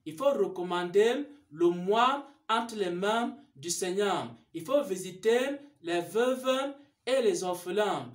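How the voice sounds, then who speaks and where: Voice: medium pitch, lively intonation, takes it slowly. A church minister giving a sermon-style announcement, with repeated rhetorical questions and answers. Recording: roomy echo.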